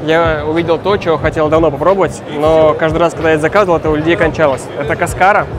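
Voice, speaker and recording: A man giving a relaxed voice-over about tasting a drink. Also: a little high, fast. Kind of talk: vlog voice-over commentary. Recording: music bed behind.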